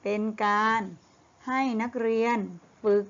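A middle-aged woman teaching a primary school class online, talking slowly and patiently with many fillers. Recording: muffled lo-fi audio.

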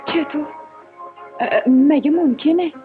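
A woman's voice: high voice, natural voice. An actress playing a polite young woman who asks a bank manager for a loan. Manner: lively, polite, surprised. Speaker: landowner asking for a loan. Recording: tinny old film soundtrack with music.

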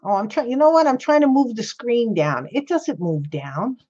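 This streamer's voice sits on the high side, mellow, with big pitch swings and a fairly quick pace. She rambles casually to viewers while crafting and greets chatters by name, captured in slightly dull lo-fi audio.

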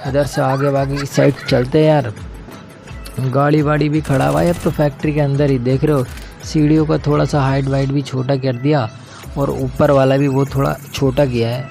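A man's voice: mid-range voice, little pitch movement, normal speed, creaky, a little mellow, soft background music. Chatty young man narrating gameplay. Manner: chatty, slangy, keeps calling viewers brother. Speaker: gaming channel host. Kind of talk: casual gameplay commentary.

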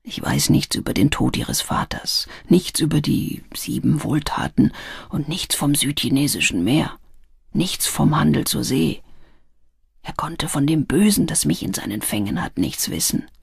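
A woman voicing a frightened man of about sixty in a whispered role-play, hushed and urgent. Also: sits low, lively intonation, unhurried, gravelly, slightly rough, no room sound, studio quality, exaggerated voice. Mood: fearful.

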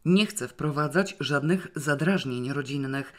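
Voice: medium pitch, unhurried, lightly acted. A reader voicing a stern, sarcastic elderly grandmother who talks in a curt, scornful, commanding way.

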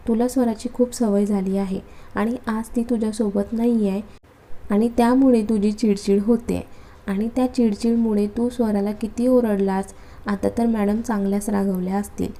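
A bossy, short-fused young husband from a storybook, as a woman reads him out. The voice is very dark and mellow, with a middling pitch, and he scolds and then coaxes. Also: fairly even intonation, normal speed, lightly acted, poor audio. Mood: fond. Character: hot-tempered young husband, bossy but loving.

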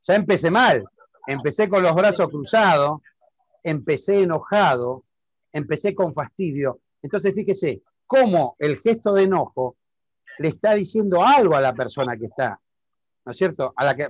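A man's voice: a little high, lively intonation, normal speed, dry recording, lo-fi sound. A man with an Argentine accent teaching public speaking in an online lesson, explaining step by step and often checking that the listener understands. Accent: Argentine Spanish.

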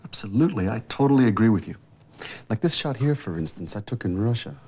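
A man's voice: on the low side, expressive, fast talker, a little mellow, a little hiss or hum, lightly acted. An actor playing a flustered young man. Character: young adult man, awkward ad worker. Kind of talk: film dialogue.

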